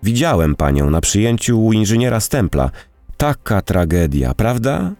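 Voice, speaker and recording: A man voicing a polite, cautious young gentleman who picks his words carefully. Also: fairly low pitch, very animated, normal speed, dry recording, faint music behind, voice pushed up. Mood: chatty. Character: smooth, cautious young man, gallant and evasive.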